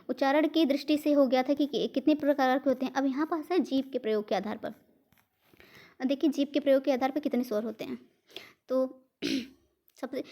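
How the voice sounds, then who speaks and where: A woman's voice: sits high, darkish tone. A woman with an Indian accent teaching an exam-prep grammar lesson. She explains step by step, asks questions and answers them herself, and mixes English words into her teaching.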